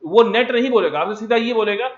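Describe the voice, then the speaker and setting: Teacher, male, high voice, coaxing and energetic, dull lo-fi sound, empty classroom. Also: quick pace. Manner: coaxing, keeps asking students to answer; mixes English terms into Hindi. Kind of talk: energetic physics lecture.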